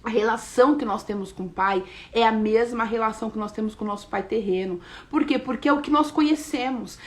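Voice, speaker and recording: Earnest woman giving a devotional. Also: a little high. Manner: earnest, confessional and conversational. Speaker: devotional speaker. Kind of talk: morning devotional message.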